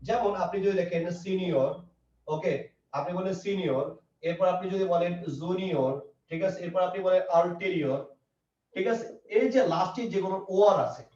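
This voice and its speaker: A man's voice: high voice, brisk, a little mellow. A man teaching an English grammar lesson, repeating points and asking and answering his own questions. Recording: echoey, distant, dull lo-fi room sound.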